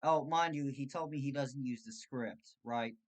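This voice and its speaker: A man hosting his channel, telling a story about a scam call in a sarcastic, animated way. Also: mid-range voice, moderate pace. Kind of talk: casual storytelling monologue.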